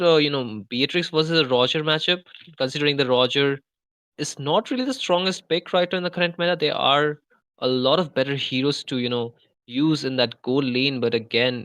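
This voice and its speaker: A man's voice: fairly high pitch, fairly bright tone, no room sound. A man commentating a live esports match, analytical and full of "you know". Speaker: esports caster.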